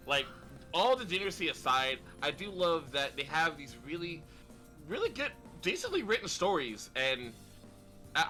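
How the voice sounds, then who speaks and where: Brief: young male streamer, very bright lively voice, rambling and enthusiastic, faint music behind. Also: fairly high pitch. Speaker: stream collab guest. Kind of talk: casual chat while reading a visual novel.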